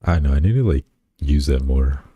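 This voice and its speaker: Speaking in an extremely low, warm, husky voice at normal speed, a man streaming as a VTuber sounds animated as he chats and reads comments aloud. He rambles and teases himself with many fillers and restarts, recorded dry on a close desk mic at home, with the highs cut off.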